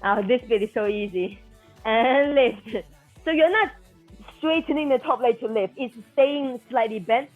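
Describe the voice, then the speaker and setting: A woman's voice: a little high, a little slow. A woman working as an aerobics instructor, calling out counts and commands to a floor workout class in an encouraging, motivating way. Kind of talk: counted exercise cueing to a class. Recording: dull lo-fi sound with music behind.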